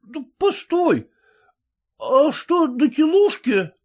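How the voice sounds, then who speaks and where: Drawling hungover young peasant man, very high and swooping, as a male reader puts him on; storybook role. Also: wildly swooping pitch, slow pace, a little mellow, heavily acted. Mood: shouting. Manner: drawling, grumbling.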